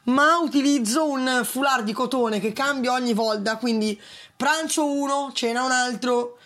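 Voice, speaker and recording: A woman's voice: sits high, moderate pace, fairly bright tone. A woman, a food delivery rider being interviewed, explains in casual, detailed, step-by-step conversation.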